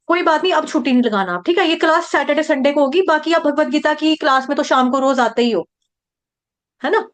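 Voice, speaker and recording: A woman from India teaching the recitation of a verse, slowly breaking words into syllables and repeating each one many times. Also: sits high, fairly bright tone. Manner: chants verse lines slowly. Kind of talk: patient pronunciation lesson, syllable by syllable.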